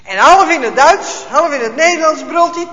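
High, lively storyteller man. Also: normal speed. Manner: expressive, dramatic storytelling with hesitations. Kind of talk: children's Bible story telling. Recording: echoey hall, dull lo-fi sound.

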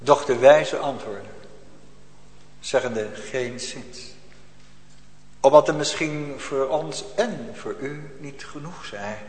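A man preaching a sermon, swinging from loud pleading cries to hushed near-whispers and drawing out stressed phrases slowly. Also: mid-range voice. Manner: slow, drawn-out stressed phrases. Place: church. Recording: echoey church hall with long reverb.

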